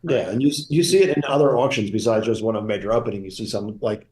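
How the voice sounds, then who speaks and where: A man with a fairly low voice talks through bridge hands analytically, pausing with small fillers. His voice carries a noticeable room echo. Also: darkish tone. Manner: analytical, slightly halting. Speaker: bridge commentator. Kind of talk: live bridge commentary.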